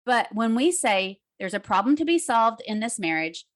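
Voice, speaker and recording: Female coach, podcast guest, slightly high voice, chatty and animated, acts out quotes. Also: moderate pace. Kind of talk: casual podcast conversation.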